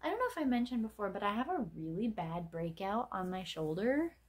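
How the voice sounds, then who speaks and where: A woman's voice: mid-range voice, very animated, a little fast. Rambling young woman vlogging late at night. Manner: rambling, self-mocking, many fillers. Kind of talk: casual late-night chat vlog.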